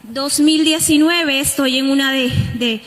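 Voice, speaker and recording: A woman's voice: high-pitched, a little slow. A woman with a Colombian accent giving an earnest, heartfelt testimony from a church altar. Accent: Colombian Spanish. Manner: earnest, heartfelt, with lively emphasis. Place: church sanctuary. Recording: long church hall reverb.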